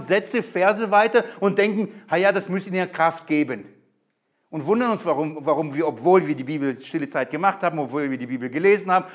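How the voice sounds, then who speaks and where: A man preaching a sermon to a congregation, stressing key lines with urgent emphasis. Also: sits high.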